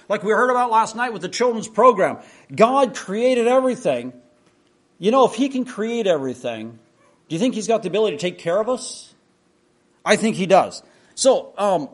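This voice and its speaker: High-voiced man preaching a storytelling sermon. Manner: conversational storytelling with restarts.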